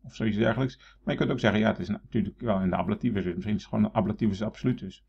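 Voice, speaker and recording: A man's voice: lowish voice, very fast, vocal fry, a little mellow, breathy edge, lo-fi sound. A man teaching Latin, thinking aloud with many fillers and restarts and reading verse aloud in a raised voice. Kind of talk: explaining a Latin text.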